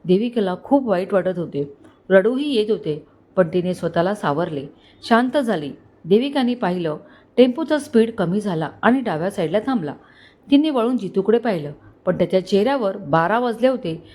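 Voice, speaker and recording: A woman storyteller reading a romance aloud, steady and expressive. Her voice sits at a middling pitch. She delivers it as scripted narration for an audio story channel. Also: moderate pace.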